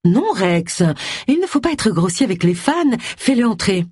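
A woman voicing a glamorous, flirty soap actress with a husky, bright, teasing voice. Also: on the high side, very animated, moderate pace, no echo, studio quality, voice pushed up. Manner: bright, playful and mocking.

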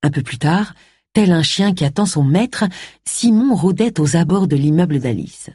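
A woman narrating an audiobook novel with expressive reading, giving every character a voice. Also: on the low side, moderate pace, slightly rough, dry recording, clean studio sound. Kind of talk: scripted narration.

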